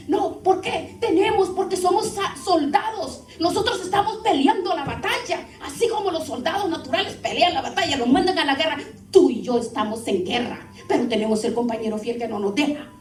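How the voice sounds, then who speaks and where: A woman's voice: sits high, darkish tone. A woman pastor preaching a fervent sermon, speaking straight to her congregation. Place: church hall. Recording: echoey room, heard from a distance, faint music.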